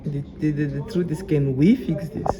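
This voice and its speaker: A man with a Cameroonian accent, a repair technician talking calmly as he works, often restarting his sentences. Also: a little high, normal speed, a crowd in the background, low-quality recording. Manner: calm, explaining as he works, with frequent restarts. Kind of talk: casual workshop vlog talk.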